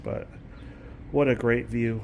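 A man of middle pitch narrates a stadium tour on his phone, enthusiastic and rambling as he stops to fix his own sentences. He sounds outdoors, with faint ambient noise and the occasional vehicle in the background. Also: steady tone, slow pace, a little mellow. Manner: rambling, enthusiastic, self-correcting. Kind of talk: casual walking vlog narration.

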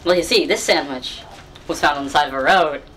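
A woman's voice: low voice, fairly quick, fairly bright tone, soft background music. A woman playing a pushy salesperson in a homemade comedy skit, with over-the-top salesy delivery. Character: pushy sandwich seller and anxious caller.

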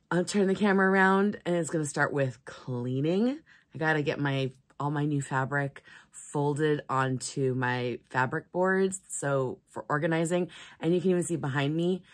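A woman vlogging in her cluttered home craft room, tired and unwell, rambling in a chatty, self-deprecating way. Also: low voice. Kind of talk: casual chat to camera.

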